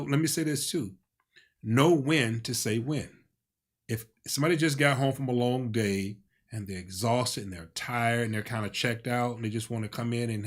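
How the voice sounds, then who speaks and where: Man, co-host, preacher-like, emphatic, mid-range voice, relaxed chat. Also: mid-range voice. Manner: emphatic, preacher-like, affirming with frequent "yeah". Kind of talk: casual couples talk show.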